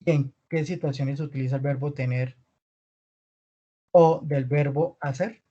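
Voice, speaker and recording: Patient teacher, mellow voice. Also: male voice, fairly high pitch, fairly even intonation, highs cut off. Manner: patient, repeats words slowly for students. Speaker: Spanish teacher. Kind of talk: online language lesson.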